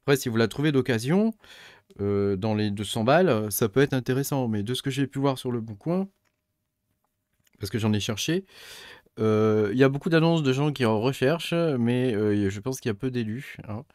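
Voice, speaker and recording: A man's voice: medium pitch, expressive, moderate pace, a little mellow, dry recording, clean studio sound. A man casually explaining graphics cards for crypto mining over a screen share, hesitant, with many fillers and restarts. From Europe.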